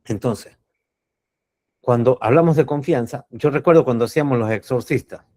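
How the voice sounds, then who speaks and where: An earnest man gives a spiritual coaching talk in a mid-pitched voice. He teaches reflectively, repeating key phrases for emphasis and posing rhetorical questions to his listeners. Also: normal speed, a little mellow. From Cuba.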